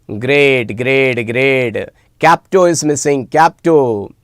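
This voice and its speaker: An online teacher with an Indian accent hosts a live class, chatting informally with his students over a live stream. His mid-range voice moves slowly, and he emphatically repeats words and phrases. The recording has studio quality with no room sound.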